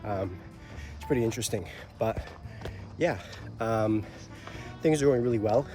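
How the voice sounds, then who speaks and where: A man's voice: fairly low pitch, unhurried. A young man talking casually to the camera in a vlog, upbeat and rambling, with a slight cold. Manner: upbeat, chatty, loose and rambling. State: out of breath after a run. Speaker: vlogger. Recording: faint music behind.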